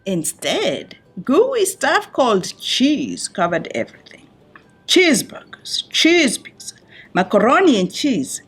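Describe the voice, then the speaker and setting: Reading a children's picture book to a young audience, a woman uses dramatic pauses and deliberate, expressive phrasing. Her voice is on the high side with a breathy edge.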